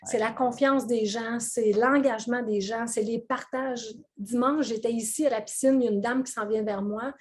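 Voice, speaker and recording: A woman with a Québécois accent tells stories in a relaxed interview, her voice sitting a little high. She talks in quick, lively bursts, full of fillers and laughs. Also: slight background noise. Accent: Québécois French. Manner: animated, laughing storyteller with many fillers. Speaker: weight-loss coach, guest. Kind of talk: casual interview chat.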